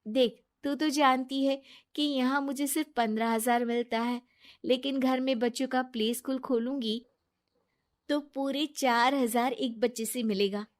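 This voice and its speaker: A woman's voice: sits high, fairly even intonation, a little slow. A woman playing a trusting kind young wife. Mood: earnest.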